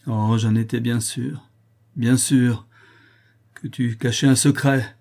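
A man's voice: medium pitch, fairly even intonation, slow, creaky. A man doing a distraught rambling old father. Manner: agitated, incoherent, jumping between loud and whispered. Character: distraught poor father, rambling, near breakdown.

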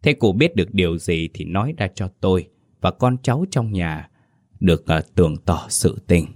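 A man doing a calm exorcist master. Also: low-pitched, no room sound, clean studio sound. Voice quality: calm and measured, with small hesitations. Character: calm, authoritative middle-aged male exorcist master.

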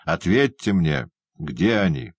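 Чтец озвучивает торжественного пожилого джентльмена. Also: male voice, lowish voice, big pitch swings, gravelly, no room sound, voice pushed up, exaggerated voice. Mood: solemn. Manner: solemn, measured. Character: solemn older gentleman, grave and insistent. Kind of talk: audiobook character voice.

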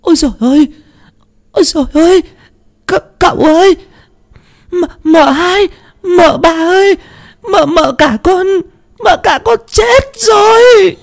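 A man's voice: very high voice, unhurried, vocal fry, long pauses, dry recording, clean studio sound, pitched above the performer's own voice, heavily acted. A man voicing a panicked young female servant girl in a storybook tale, stammering and wailing. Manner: shrieking, stammering wails.

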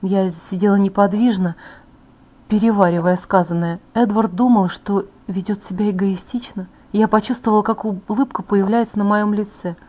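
A woman narrating a first-person audiobook in a calm, even storytelling voice. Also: medium pitch, moderate pace, highs cut off.

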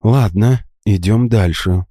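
A man's voice: lowish voice, slow pace, warm tone, no room sound, clean studio sound. A man voicing a tough young female mercenary who turns worried and frantic, in a fantasy audiobook. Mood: uneasy.

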